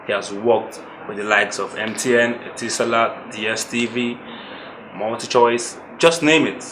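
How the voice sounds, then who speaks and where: A man's voice: mid-range voice, steady tone, a little slow, background noise. A man hosting an interview, eager and encouraging, often reacting with "wow". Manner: enthusiastic, frequent "wow" and "yeah". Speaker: interviewer host. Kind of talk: show host interviewing. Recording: echoey room with faint background.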